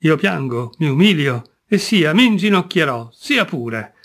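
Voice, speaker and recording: A pale, proud noblewoman, as a male reader puts her on, formal and lofty even through her tears. She speaks in a storybook reading. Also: fairly high pitch, a little slow, heavily acted. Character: proud, pale noblewoman, tearful but dignified.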